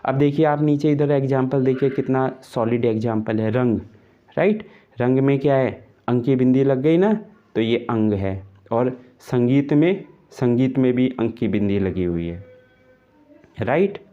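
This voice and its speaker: A man's voice: mid-range voice, expressive, unhurried, narrow, tinny audio. A man teaching a Hindi grammar lesson for exam preparation, explaining step by step, sounding out the example vowels and often tagging "right" in English.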